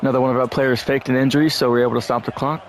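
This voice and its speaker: A man's voice: mid-range voice, level tone, very fast. Young man cursing through gameplay commentary. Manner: frustrated, profane, swings into shouting. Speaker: gaming YouTuber.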